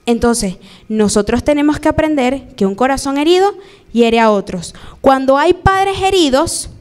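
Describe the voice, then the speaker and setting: Venezuelan lady preaching in church, high pitched, animated, does little voices for the people she quotes. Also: normal speed. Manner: lively, acts out quoted voices. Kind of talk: live sermon.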